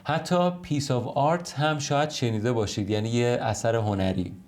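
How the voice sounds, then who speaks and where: Male language teacher at home. Patient explainer who slows right down for the English examples, with a mid-range voice. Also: medium pitch, fairly even intonation, darkish tone. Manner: explains in Persian, reads English examples slowly and carefully. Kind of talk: online language lesson. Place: home recording.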